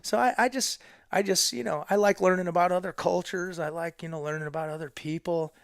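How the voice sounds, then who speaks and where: A man's voice: high-pitched, fairly even intonation, a little fast, creaky, dry recording, studio quality. A man in his thirties, a podcast guest on a headset mic in a living room, telling stories casually, swearing freely and dropping to a whisper for punchlines. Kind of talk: casual conversation. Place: living room, seated on a couch.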